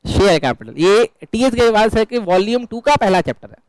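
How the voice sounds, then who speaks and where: A man's voice: high-pitched, lively intonation, brisk, dry recording, poor audio. A man teaching an accounts class to students in a classroom. He quizzes them often and jokes along the way. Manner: joking, quizzing students, mixing English terms. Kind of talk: classroom lecture.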